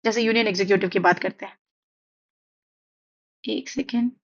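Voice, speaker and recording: The audio is dull, carrying a young woman's medium-pitched voice at a moderate pace. She teaches an online exam-prep lecture in Hindi-English mix, writing on a tablet as she goes, with a reassuring, talkative manner and a habit of asking "theek hai?"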